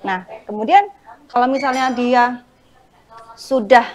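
A woman's voice: fairly high pitch, takes it slowly. A woman in her forties talking casually and animatedly as a guest on a parenting talk show, often acting out quotes from her family.

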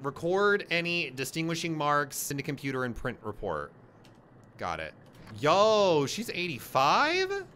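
A young man giving casual, jokey let's-play commentary on a horror game, with loud, jumpy reactions. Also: medium pitch, animated, normal speed, slight background noise. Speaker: gaming YouTuber.

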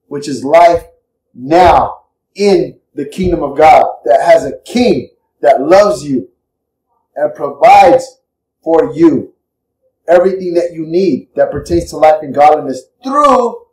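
Male preacher, fervent and repetitive, mellow voice, mic a little far off. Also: on the high side, echoey room. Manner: impassioned, repetitive, emotional. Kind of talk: sermon.

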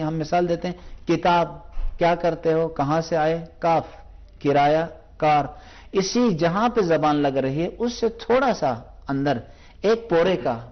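Man teaching recitation, dull broadcast sound. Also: a little high. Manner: patient, demonstrates sounds by repeating them slowly. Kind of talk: televised pronunciation lesson.

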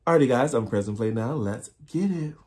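A young reaction YouTuber sits in his small home living room reacting to a music video trailer, chatting casually with playful, dramatic exclamations. His mid-range voice is expressive, brisk and slightly mellow, with a breathy edge.

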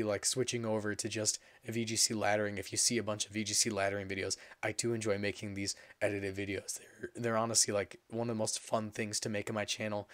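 A young man with a hoarse voice that is giving out from being sick, giving a casual, rambling update as a gaming channel host. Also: fairly low pitch, no room sound. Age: young adult. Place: indoor room at a computer.

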